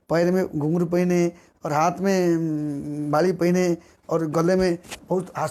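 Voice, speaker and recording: Preaching through a devotional tale, a man with a notably high voice keeps the telling animated. He repeats phrases for emphasis and slips into the voices of the story's characters.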